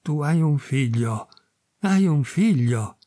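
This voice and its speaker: A man voicing an aging, gruff farmer husband in a storybook reading. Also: fairly high pitch, lively intonation, slow, mellow, no echo, clean studio sound. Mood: stunned. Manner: gruff, stunned then gleeful.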